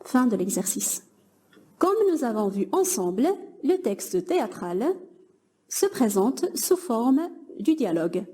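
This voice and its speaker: A woman's voice: on the high side, big pitch swings, takes it slowly, dark tone. A young woman teaching a grammar lesson to middle-school pupils, patiently explaining and praising imagined answers.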